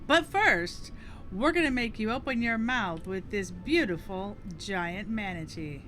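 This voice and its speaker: A woman's voice: mid-range voice, animated, unhurried, a bit bright, a little hiss or hum. A woman giving casual live commentary as she plays through a game. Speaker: game streamer.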